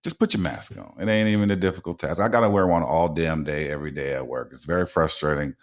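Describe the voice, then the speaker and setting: A man's voice: very deep voice, fast talker. A man hosting a casual talk radio show, blunt and informal, rambling with frequent restarts and repeated words.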